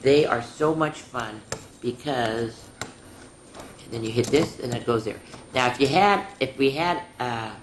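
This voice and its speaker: Unhurried and bass-voiced, a senior woman chats through storytime and activities with children, teaching as she goes and often posing questions to them. The recording comes from an echoey space with faint noise.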